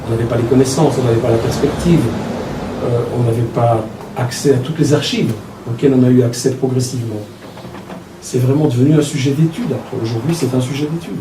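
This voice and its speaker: Older belgian guy, author reminiscing, slow halting restarts, echoey room, faint hum behind. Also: medium pitch, recorded from a distance. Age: 60s. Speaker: author talking about his book. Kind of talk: personal storytelling talk.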